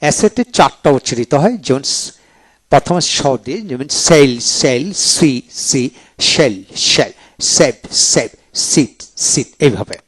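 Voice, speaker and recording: A man teaching English pronunciation in a video lecture, saying each example word twice in a slow, deliberate way. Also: a little high.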